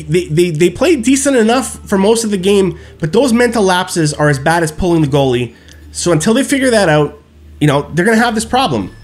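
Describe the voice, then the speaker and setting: A man in his thirties on a headset at home, ranting emphatically about a hockey game after it ends and checking in with his viewers with "okay?" and "right?". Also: a little high. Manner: animated, emphatic, keeps asking "okay?" and "right?". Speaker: hockey fan streamer. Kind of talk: post-game hockey rant. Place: small room at home, seated in gaming chair.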